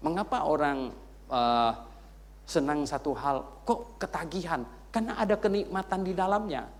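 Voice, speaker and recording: A man's voice: a little high, normal speed. Guy preacher lecturing a bible class, voice swoops up and down a lot, keeps asking questions and repeating himself. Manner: rhetorical questions, heavy repetition, animated jabs; tag fillers "ya loh" and teasing asides. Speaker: pastor teaching a doctrine class.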